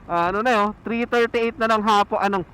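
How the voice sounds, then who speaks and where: A Filipino motovlogger chats casually to himself while riding, rambling, repeating his words, and breaking into a cappella rap and singing. His high voice is steady, smooth, and sharp, a little fast. The rough recording comes from an action camera mic at his helmet on a moving motorcycle outdoors, picking up wind and vehicle noise plus faint road and traffic ambience.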